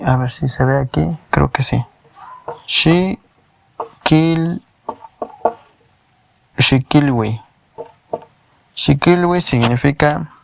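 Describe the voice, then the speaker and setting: A man's voice: medium pitch, vocal fry, no room sound. A man with a Mexican Spanish accent gives a patient whiteboard language lesson, repeating words syllable by syllable. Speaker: language teacher. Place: home in a shared housing block.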